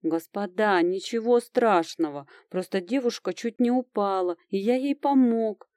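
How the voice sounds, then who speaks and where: Женщина озвучивает хитрого молодого торговца, который мягко и вкрадчиво заговаривает зубы. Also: female voice, medium pitch, unhurried, no room sound, clean studio sound, lightly acted. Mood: ingratiating. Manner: soft, ingratiating chatter. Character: smooth-talking young male merchant, sly.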